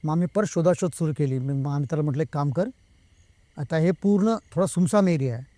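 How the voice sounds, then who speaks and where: Male guest storyteller, slightly high voice, mellow timbre, close dry recording. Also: quick pace, dry recording. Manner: retells the talk of others himself, slipping between Marathi and Hindi. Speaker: guest telling a true ghost story. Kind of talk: casual storytelling.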